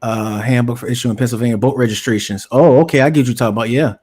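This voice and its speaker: A man's voice: mid-range voice, fairly even intonation, very fast, a little mellow. A man hosting a live stream, laid-back and casual with slang, often repeating himself.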